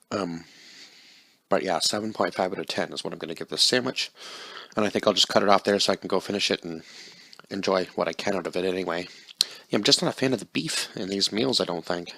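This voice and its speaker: Deep gravelly guy rambling through a food review vlog, kinda unsure. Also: sharp tone, no room sound. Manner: rambling, unsure, talks while eating.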